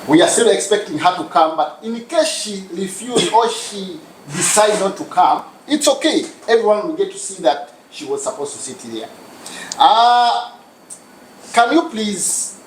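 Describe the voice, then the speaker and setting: A man with a Ugandan accent hosting a studio talk show, chatty and quick to laugh, often repeating himself. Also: high voice, big pitch swings. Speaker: host. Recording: roomy studio with faint background noise.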